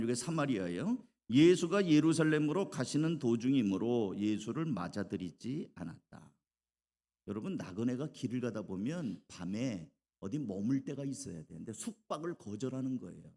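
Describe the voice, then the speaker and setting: A male pastor preaching a Wednesday sermon in a lively, conversational way, slipping into acted asides. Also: medium pitch. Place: church sanctuary. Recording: church hall reverb.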